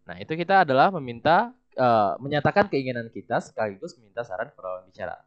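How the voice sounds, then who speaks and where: A man's voice: mid-range voice, big pitch swings, fast talker. A man teaching a language class, explaining patterns and coaxing his students to repeat them. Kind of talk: classroom instruction. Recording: dull lo-fi recording.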